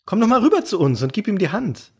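A man's voice: sits high, sing-song, quick pace, darkish tone, husky. A man hosting comedic scripted banter, playful and mock-exasperated. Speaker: host.

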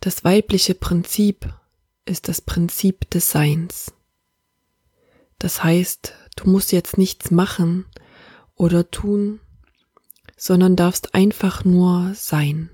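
A woman leading a guided meditation in a soft, half-whispered, calm and soothing manner. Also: lowish voice, slow, pauses often, husky, dry recording, clean studio sound.

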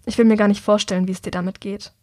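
A woman's voice: medium pitch, flat delivery, very fast, darkish tone, no room sound, studio quality, close to an everyday voice. A woman narrator voicing a hurt, blunt young man who speaks emphatically. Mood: earnest.

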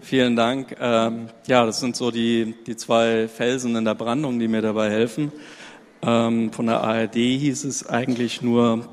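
A man's voice: medium pitch, level tone, measured pace. A male journalist on a panel speaks casually with wry asides. His voice sits in a large hall with long reverb. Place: conference hall with audience.

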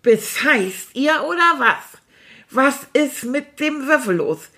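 Woman playing a sulky childlike boy character, higher voice, theatrical chatter, noisy sound effects. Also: expressive, slow, bright, forceful tone, full character voice. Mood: indignant. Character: sulky childlike male character, easily upset. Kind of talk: comic monologue podcast.

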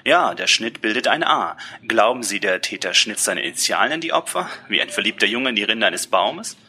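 A man's voice: on the low side, expressive, brisk, sharp tone. A man voicing a matter-of-fact male coroner explaining findings on the phone in an audiobook. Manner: dry, factual.

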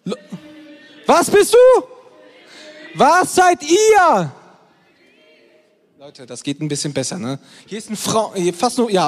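A man in his twenties preaching to a live crowd, energetic and constantly checking in with the crowd. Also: high-pitched. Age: 20s. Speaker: youth preacher. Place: hall with an audience, also streamed. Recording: long hall reverb.

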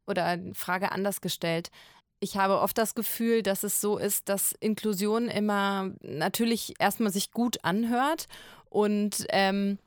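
A woman's voice: medium pitch, fairly even intonation, a little slow, no room sound, studio quality. A woman with a German accent hosting a podcast interview, asking long questions with many filler sounds. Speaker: podcast host.

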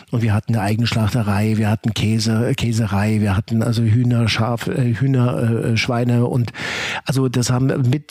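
A man's voice: medium pitch, mellow, no room sound. Man, interview guest, rambling storyteller, lots of fillers, dry close sound. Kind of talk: casual interview talk.

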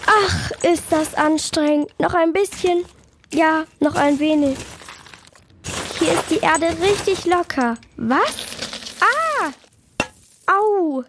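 A woman's voice: extremely high pitch, expressive, slow, pauses often, noisy background, exaggerated voice. A woman voicing a tired, anxious little dormouse in a children's audio story. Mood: fretful. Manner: whiny, fretful.

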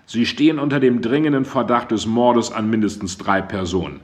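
A man's voice: mid-range voice, brisk, lightly acted. A man voicing a female police detective who arrests a suspect in formal, firm words in an audiobook. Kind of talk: audiobook character voice.

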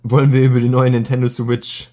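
A teenage boy chatting casually as a podcast co-host, telling a school story in slangy, animated fashion. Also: medium pitch, brisk. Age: teens. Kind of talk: casual chat.

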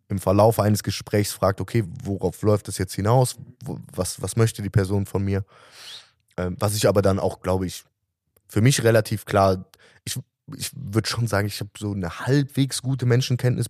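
A man's voice: fairly low pitch, a little mellow, no room sound, clean studio sound. A man in his thirties, a musician guest, talking earnestly and reflectively in a casual interview, often restarting his sentences.

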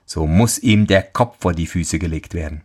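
A man's voice: low voice, moderate pace, a little mellow, husky. A man voicing a treacherous, scheming servant in a storybook tale who slyly makes a suggestion to the king.

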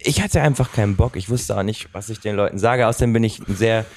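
A man's voice: on the low side, fast talker. A man from Bottrop, a musical performer speaking as a guest in a casual chat, easygoing and blunt. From Bottrop, Germany.

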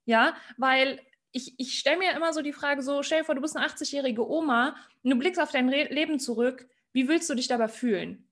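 A woman's voice: high-pitched, brisk, few pauses, fairly bright tone. A woman hosting a casual podcast chat, blunt and swearing freely as she cuts in. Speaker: podcast host.

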